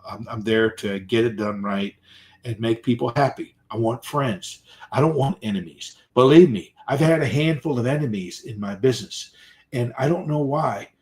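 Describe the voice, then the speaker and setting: A middle-aged man who runs his own floor-cleaning business, chatting casually on a live stream and telling rambling, animated stories with many hesitations. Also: mid-range voice. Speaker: tile and grout cleaner, owner-operator.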